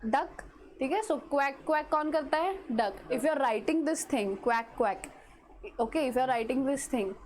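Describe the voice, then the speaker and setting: A woman's voice: high voice, animated, slow, a little mellow, a little hiss or hum. A woman teacher with an Indian English accent, giving a classroom grammar lesson and mixing Hindi and English while she keeps checking that students understand.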